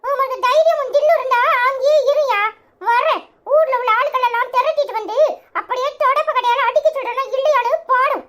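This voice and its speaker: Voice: very high-pitched, a little fast, a bit bright. A performer voicing a brash, defiant young village man in a cartoon comedy, with a Tirunelveli Tamil accent and a taunting manner. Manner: taunting, jeering.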